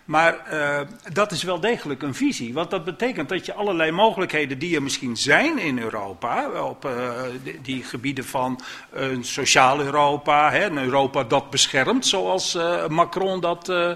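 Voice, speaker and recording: A man's voice: on the high side, sharp tone. A man speaking as a guest in a political debate, restarting his sentences often as he argues. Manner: halting, restarts a lot. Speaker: panel guest.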